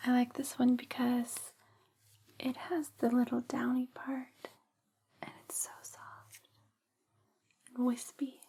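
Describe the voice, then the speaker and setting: A woman hosting ASMR in a breathy, unvoiced whisper, speaking gently in slow, deliberate phrases. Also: a little high, monotone. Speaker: ASMR host.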